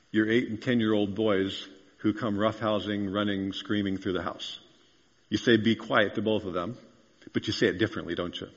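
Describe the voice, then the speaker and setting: Earnest male pastor preaching in a reverberant hall. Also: fairly low pitch. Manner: earnest, rising to emphatic declarations. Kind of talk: sermon. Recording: dull sound with long reverb in a large hall.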